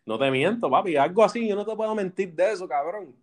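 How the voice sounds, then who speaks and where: A young Puerto Rican man hosting a loose podcast, with a fairly high voice. He tells crude stories between bursts of laughter and drops into slangy asides. His talk is casual and rowdy. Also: animated, fast, a little mellow. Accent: Puerto Rican Spanish. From Puerto Rico. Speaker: podcast host. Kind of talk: casual chat.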